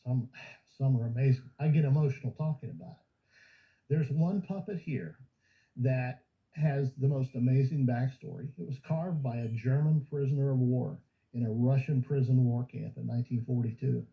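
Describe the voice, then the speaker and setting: In a creaky, mid-range voice at a moderate pace, a man serves as a museum guide in an informal documentary interview, full of explanations and stories. The muffled recording has music behind it.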